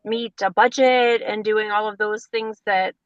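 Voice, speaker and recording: A woman's voice: medium pitch, fairly even intonation, a little slow, no room sound, muffled recording. A woman interviewer asking friendly, encouraging questions.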